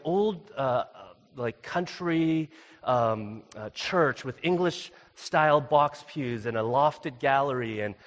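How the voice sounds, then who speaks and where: A young man preaching as a guest, telling a personal story casually with many fillers and growing animation. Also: mid-range voice. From Canada. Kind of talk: storytelling sermon. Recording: long reverb of a church hall.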